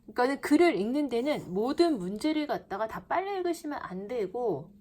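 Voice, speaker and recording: A woman's voice: a little high, brisk, soft background music. A woman teaching English reading, speaking straight to her students and reading example sentences aloud phrase by phrase as she explains. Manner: animated, reads sentences aloud in chunks; calls herself teacher, talks to students directly.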